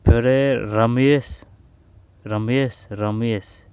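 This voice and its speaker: A man's voice: medium pitch, fairly even intonation, drawn-out words, darkish tone, smooth, no room sound. A man teaching exam grammar questions in a casual spoken lesson, thinking aloud, repeating words and often asking "है ना".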